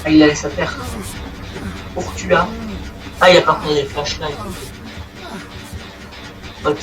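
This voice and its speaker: Young man, high-pitched, crude excitable gameplay commentary, game music loud behind. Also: unhurried, far from the mic, poor audio. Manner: excitable, crude, swears often. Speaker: gaming video creator. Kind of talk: playing commentary. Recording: voice set back from the mic, game music behind.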